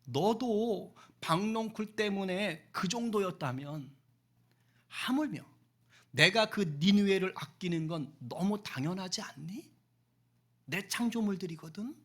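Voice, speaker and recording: A man voicing a gentle, pleading God. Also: high voice, animated, slow pace, full character voice. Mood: coaxing. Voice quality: soft, coaxing, tender questioning. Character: gentle fatherly God pleading with a sulking prophet.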